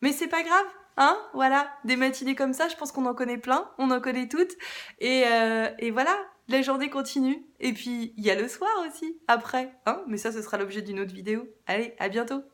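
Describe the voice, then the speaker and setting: A woman's voice: fairly high pitch, fairly quick. A woman in her thirties, a mother telling a story about her morning in a casual vlog, talking straight to the viewer with lots of hesitations. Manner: chatty and hesitant, many fillers, addresses viewer directly. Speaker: parenting vlogger, mother.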